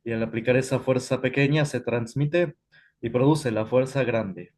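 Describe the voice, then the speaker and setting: A male physics teacher lectures a class at an ordinary pitch. He talks in a halting way, filling pauses with "este" and correcting himself as he goes. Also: a little mellow. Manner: halting, frequent "este" fillers, self-correcting.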